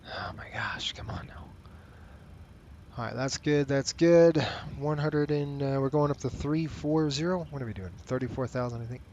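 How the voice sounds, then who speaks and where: A man works through cockpit tasks like a pilot on a headset. His mid-pitched voice moves between clipped procedural callouts and casual, half-muttered remarks. A faint ambient noise sits behind him. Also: fairly even intonation, normal speed, hardly any pauses, mellow, dull audio. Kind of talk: casual cockpit commentary and radio calls. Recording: noisy, with background cockpit ambience.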